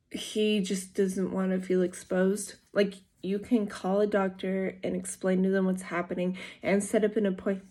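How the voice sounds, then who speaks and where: Mellow-voiced woman telling a rambling story. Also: mid-range voice. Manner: rambling, with frequent fillers and self-corrections. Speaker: vlogger. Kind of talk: casual personal storytelling.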